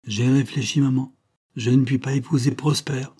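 A man's voice: medium pitch, steady tone, moderate pace, dark tone, slightly rough, voice pushed up, close to an everyday voice. A man reading aloud, voicing an anguished, self-denying young woman in a storybook reading. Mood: pained resolve.

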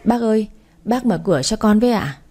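A woman reading the part of a young mistress, politely deferential but defiant, in a mellow, dark voice. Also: fairly high pitch, lively intonation, fairly quick.

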